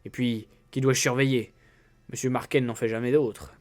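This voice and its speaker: A man voicing a brisk, self-assured swindler posing as a police inspector in a read-aloud story. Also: medium pitch, fairly even intonation, faint music behind, lightly acted. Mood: grumbling. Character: smooth-talking fake police inspector, brisk.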